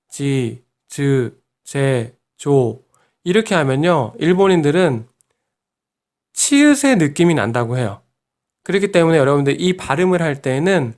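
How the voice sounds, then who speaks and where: Patient, fairly high-voiced male language teacher. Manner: patient, encouraging, modelling syllables slowly one by one. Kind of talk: online language lesson.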